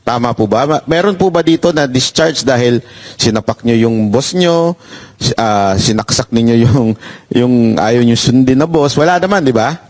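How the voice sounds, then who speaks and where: A man's voice: medium pitch, expressive, normal speed. A man hosting an interview who sums up answers and asks leading questions. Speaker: host.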